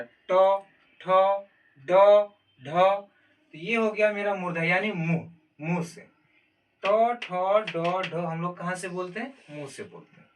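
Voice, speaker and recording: A man with a high, slightly bright voice teaches a classroom-style Hindi grammar lesson, explaining step by step and calling out letters one at a time. The distant mic picks up faint noise.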